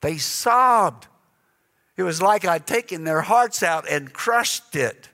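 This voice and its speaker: An earnest man preaching from the pulpit in a slightly higher voice than most men. His speech often stumbles into repeated words as he tells his story. A long reverb hangs behind him, as in a big church hall. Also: lively intonation, takes it slowly, sharp tone. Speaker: guest preacher. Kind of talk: sermon storytelling. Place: church sanctuary.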